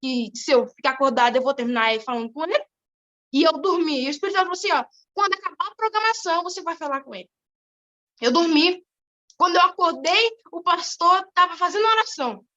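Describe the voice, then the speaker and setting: A teenage girl giving an animated church testimony, telling her story in a quick, lively way. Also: extremely high pitch, highs cut off. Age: teens. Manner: animated, fast-moving storytelling. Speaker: testimony giver.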